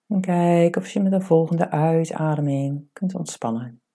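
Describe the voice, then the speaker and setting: Low, dark, breathy woman guiding meditation. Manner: calm, soothing, unhurried instructions with pauses. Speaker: meditation guide. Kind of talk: guided meditation, breathing and body scan.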